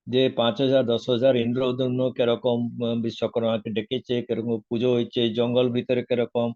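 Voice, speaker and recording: A man telling a devotional story in a casual, animated way, acting out the dialogue. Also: brisk, highs cut off. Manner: animated, acts out dialogue with raised pitch. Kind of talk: religious storytelling.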